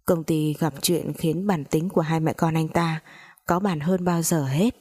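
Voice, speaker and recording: A woman narrating a sad first-person story in a calm, somber way. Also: low voice, measured pace, slightly rough.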